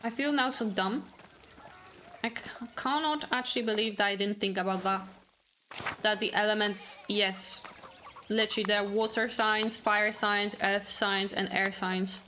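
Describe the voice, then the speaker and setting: A woman's voice: mid-range voice, fairly even intonation, measured pace, bright, forceful tone, a little hiss or hum. A woman playing a video game for the first time, chatting casually, talking back to the characters and swearing bluntly. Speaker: gaming streamer. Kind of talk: casual let's-play commentary.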